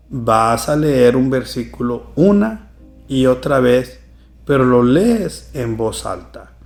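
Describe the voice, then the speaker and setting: Slow gravelly guy teaching a bible study, leans on each word, echoey room. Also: medium pitch. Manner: slow, deliberate, reads verses with emphasis. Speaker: church teacher.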